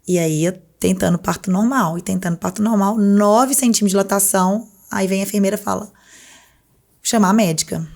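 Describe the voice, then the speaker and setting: A woman with a lilt talks at a rapid clip as a podcast guest. She tells her story in an animated way and slips into the voices of the people in it. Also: mid-range voice, creaky. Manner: animated storyteller who acts out other people's words. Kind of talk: casual interview storytelling.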